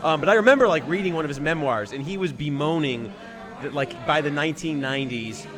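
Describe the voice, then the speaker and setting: A man's voice: a little high, animated, quick pace, a crowd in the background. Man in his thirties hosting a podcast. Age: 30s. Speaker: podcast host. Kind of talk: casual chat.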